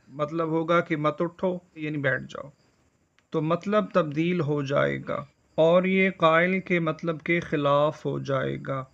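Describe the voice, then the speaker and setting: A man gives a religious lesson, explaining each point in a measured, deliberate way. His voice is bright and gravelly. The recording sounds dull and lo-fi. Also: a little high. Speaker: Islamic studies teacher.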